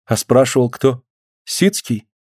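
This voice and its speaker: A man reading the part of a grieving boyar's wife in an audiobook, speaking in an archaic, pleading, hushed way. His voice stays close to his own. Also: medium pitch, expressive, measured pace, slightly rough, dry recording. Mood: anxious. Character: grieving guilt-stricken old-Russian boyar's wife, middle-aged woman.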